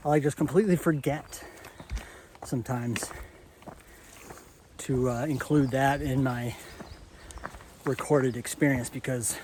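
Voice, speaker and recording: A man's voice: medium pitch, darkish tone, a little hiss or hum. Breathless man vlogging on a trail. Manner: musing, halting, thinks aloud. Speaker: hiker vlogger. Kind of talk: reflective vlog while walking. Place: outdoor forest trail. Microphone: camera on a selfie stick, held at arm's length and farther.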